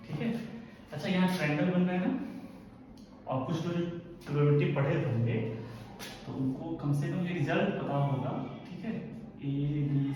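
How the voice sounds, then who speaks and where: A man's voice: on the high side, a little mellow, distant mic, slight background noise. A man teaching physics, explaining a formula step by step and often checking that the students follow. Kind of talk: classroom lecture at a board. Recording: echoey room, voice from afar.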